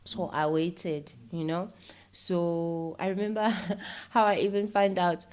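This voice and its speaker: A woman's voice: on the low side, slow pace, clear, resonant tone. A young South African woman, a filmmaker guest, telling stories in a casual chat and acting out other people's voices as she goes. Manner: animated, mixes English and isiZulu, acts out voices in anecdotes.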